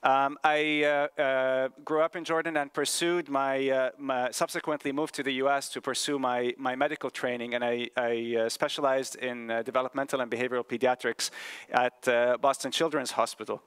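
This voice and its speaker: Middle-aged man from Palestine, conference presenter, smooth resonant voice, stop-start delivery full of hesitations, dry close mic. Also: mid-range voice, level tone, a bit bright, no echo. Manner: halting, many fillers and restarts. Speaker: pediatrician presenting at a medical conference.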